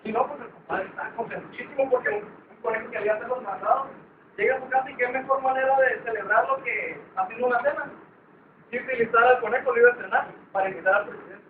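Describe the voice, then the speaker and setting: A man's voice: extremely high pitch, fast talker. A man casually retelling a folk tale in a chatty, informal way with fillers. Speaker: storyteller. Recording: tinny, echoey, distant with faint hiss.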